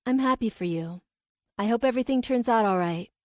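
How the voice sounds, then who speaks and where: A woman's voice: a little high, brisk, dry recording, clean studio sound, close to an everyday voice. A woman voicing a laid-back buddy. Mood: relaxed. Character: easygoing male best friend.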